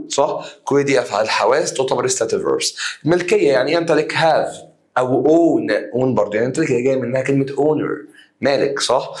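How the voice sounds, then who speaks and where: A young man with an Egyptian Arabic accent giving an exam review lesson, lively and repetitive, drilling students to chant key terms back to him. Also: medium pitch. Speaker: English teacher.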